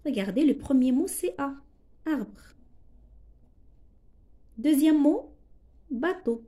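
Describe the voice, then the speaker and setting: A woman teacher with a Moroccan accent walks young pupils through a lesson at an unhurried pace. Her voice sits high but has a mellow, soft tone. She is patient and spells things out letter by letter. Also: animated. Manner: slow, patient, spells out letters and translates words. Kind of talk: classroom lesson explanation.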